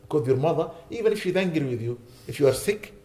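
A man's voice: on the high side, expressive, fast, warm tone. A man delivering a sermon as a sheikh, urging his listeners with repeated rhetorical questions. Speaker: sheikh giving a lecture. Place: lecture hall.

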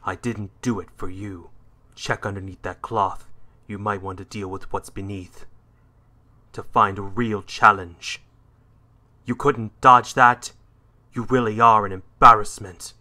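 Casting: male actor for edgy cartoon hedgehog antihero, forceful and fairly low, curt, proud, menacing. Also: steady tone. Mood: scornful. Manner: curt, scornful, deliberate delivery. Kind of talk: fan character voice reel, dramatic cartoon acting.

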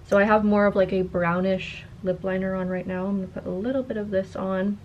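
A woman's voice: mid-range voice, steady tone, fairly quick, highs cut off, slight background noise. A woman in her twenties with a slight lisp that makes her s sounds slushy, chatting casually to camera as a content creator. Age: 20s. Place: carpeted attic-style room indoors.

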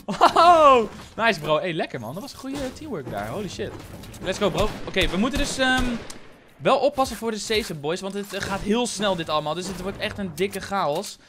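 A young man from the Netherlands doing excitable let's play commentary as a gaming YouTuber, dropping English slang and swearing. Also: high voice, fairly quick, background noise.

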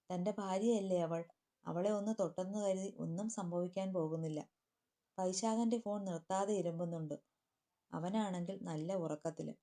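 Woman narrating a story in a mellow voice. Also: lowish voice. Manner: reads all characters' lines in her own voice, lifting slightly for quotes. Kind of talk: storytelling narration with character dialogue.

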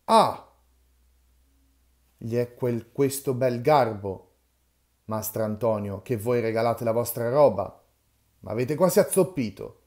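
A man's voice: medium pitch, close to an everyday voice. Geppetto, a man reading as a touchy old carpenter. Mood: indignant. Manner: quick to shout when offended.

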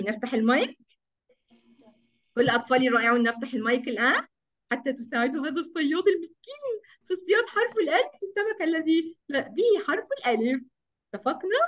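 A woman leads an online class for small children, her voice pitched very high and swinging up and down. She coaxes the children with constant praise. The sound is dull, lo-fi video-call audio with a faint hiss behind it. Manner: animated, coaxing, heaps praise on children. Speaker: kindergarten teacher.

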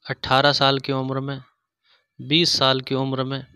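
A man reading religious quiz questions, pausing over each option before he gives the answer. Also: mid-range voice, monotone, sharp tone, clear, resonant tone, no room sound, clean studio sound. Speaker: quiz host. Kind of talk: scripted quiz narration.

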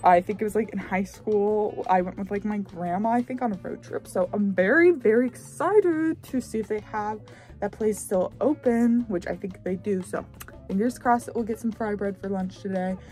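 A woman's voice: mid-range voice, moderate pace, a little mellow, soft background music. Chatty young woman vlogging from her RV. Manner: chatty, rambling, lots of "like" fillers. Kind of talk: casual vlog chat. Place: inside an RV.

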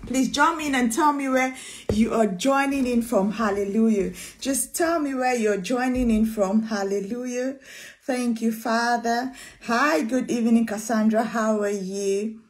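A woman preacher from Cameroon leads a live-streamed church session, greeting viewers one by one and praising God with lively energy. Her voice sits on the high side, recorded close on a phone camera in a small room. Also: measured pace.

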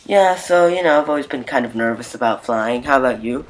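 A man's voice: medium pitch, expressive, a little fast, a little hiss or hum, close to an everyday voice, rough recording. A man voicing a pushy, panicky middle-aged woman passenger who nags and repeats herself. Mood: pestering. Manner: frantic, nagging, repeating herself.

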